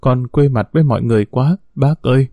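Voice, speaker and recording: A man's voice: medium pitch, brisk, mellow, no room sound, natural voice. A man reading a storybook as a scheming young female secretary who whines and complains tearfully. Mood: whining.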